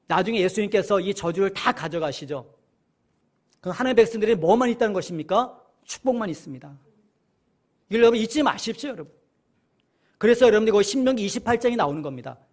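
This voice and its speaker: A man teaching a Bible study sermon. He keeps asking his listeners questions and answering them, and he reads scripture passages slowly and more loudly. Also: sits high, expressive. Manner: addresses listeners often, asks and answers questions.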